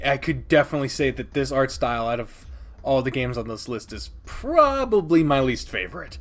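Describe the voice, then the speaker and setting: Rambling, emphatic and swearing a lot, a game reviewer and video host works through an opinionated countdown of games in a casual style. His voice is medium-pitched and fairly bright.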